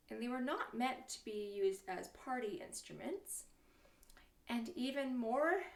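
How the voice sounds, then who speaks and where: A woman leading a children's church lesson, singing and telling a Bible story with animated delivery and sudden whispers for suspense. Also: fairly high pitch, gravelly, echoey room, far from the mic. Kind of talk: kids' Bible lesson with song.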